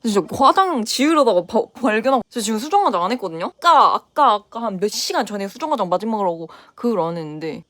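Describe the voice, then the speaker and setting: A young woman in her twenties chats rapidly while putting on makeup for the camera. She tells her story bluntly, with plenty of swearing. Her voice sits at an ordinary middle pitch, and she quickly mimics the people she is talking about. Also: very animated, fairly bright tone. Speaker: beauty vlogger. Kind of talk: casual storytime chat while doing makeup.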